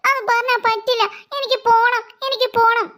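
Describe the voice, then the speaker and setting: A woman's voice: extremely high pitch, steady tone, measured pace, pushed and bright, full character voice. A woman voicing a small, timid cartoon girl who whines and pleads fearfully. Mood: eager.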